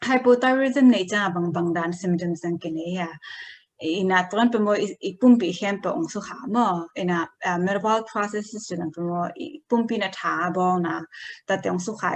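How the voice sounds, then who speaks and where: A woman giving an informal health talk, explaining slowly and hesitantly, dropping in English medical terms. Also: mid-range voice.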